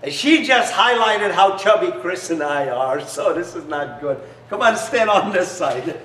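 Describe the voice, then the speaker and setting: Demonstrating his product with salesy enthusiasm and broken phrasing, a middle-aged non-native English-speaking business founder stands in a large garage. His voice is lively, a little slow and a bit bright, picked up by a distant camera mic a few steps away in the echoey room, with a little hiss or hum.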